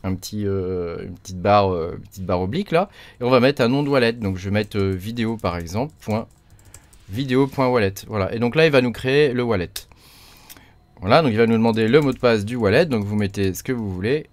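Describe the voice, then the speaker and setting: Chatty low-voiced man explaining software. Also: a little fast, no echo. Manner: chatty, many fillers and tag "hein". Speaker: crypto mining tutorial host. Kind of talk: casual screen-recorded tutorial.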